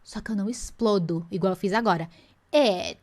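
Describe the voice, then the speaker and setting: A woman's voice: medium pitch, fast talker, a little mellow. A woman teaching English in an online lesson. She explains patiently and drags out the English example phrases to show how they are pronounced.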